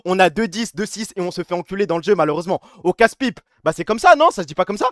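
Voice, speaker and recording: A young man streaming live, talking in quick bursts of crude slang with a high voice. The sound is dry and close to the mic, with no room around it. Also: animated, a bit bright, no echo. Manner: fast, slangy, crude, laughs often. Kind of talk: casual live-stream chat.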